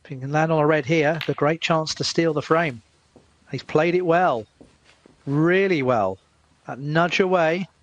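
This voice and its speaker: Higher-pitched man commentating on snooker. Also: measured pace, lo-fi sound, slight background noise.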